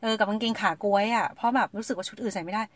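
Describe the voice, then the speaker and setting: A woman chatting casually and frankly as a podcast host, swearing freely and acting out what others said. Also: mid-range voice. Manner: fast and chatty. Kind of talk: casual chat.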